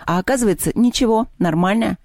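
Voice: medium pitch, quick pace, darkish tone, dry recording, clean studio sound, voice pushed up, lightly acted. A reader voicing a blunt, cheeky boy who mutters his thoughts. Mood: musing.

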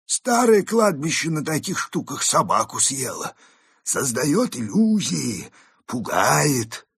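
A fussy ghost wolf from a storybook lectures and warns in a slow, swooping voice, as a man puts him on. The voice is very husky and raspy. It sounds dry and close. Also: medium pitch, sing-song, fairly bright tone, no room sound, voice pushed up, heavily acted. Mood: fussy warning. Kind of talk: audiobook character reading.

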